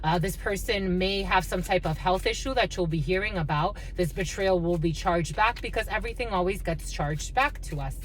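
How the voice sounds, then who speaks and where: A woman host giving an intuitive tarot reading to her viewers, with halting, repetitive phrasing and affectionate asides to listeners. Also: fairly low pitch, slight background noise. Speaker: tarot card reader, channel host.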